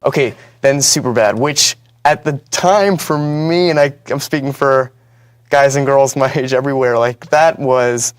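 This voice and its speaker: A man's voice: mid-range voice, measured pace, smooth. A man interviewing in a casual conversation, rambling with lots of filler words.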